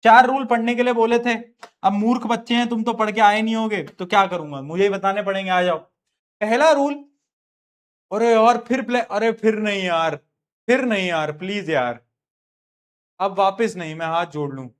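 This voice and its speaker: A man's voice: high voice, moderate pace. Chatty teasing male teacher. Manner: chatty, teasing, switches into English terms. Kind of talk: live online class lecture.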